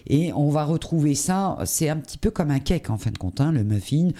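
A man's voice: a little high, animated, a little fast, dark tone. A man hosting a cooking show, talking through a recipe with many hesitations and fillers. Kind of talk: live cooking demonstration.

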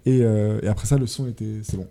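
A man's voice: on the low side, fast talker, gravelly. A young man telling a radio host how he made a track, full of hesitations and fillers. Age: young adult. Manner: hesitant, many fillers, lively storytelling. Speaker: music producer guest. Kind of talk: casual radio interview.

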